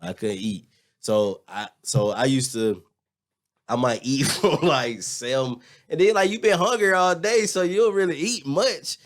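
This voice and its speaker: A man's voice: mid-range voice, measured pace. Male guest, 30s, loose storyteller, constant fillers and restarts, conversational. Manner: animated storytelling, lots of "like" and restarts. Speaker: guest, former teacher abroad. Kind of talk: casual chat.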